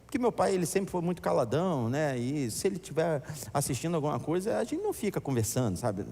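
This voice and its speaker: A man preaching a sermon as pastor, animated and acting out voices in his stories. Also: on the high side, fast, slight background noise. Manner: animated, acts out voices in anecdotes. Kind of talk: storytelling sermon. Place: church. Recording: echoey church hall.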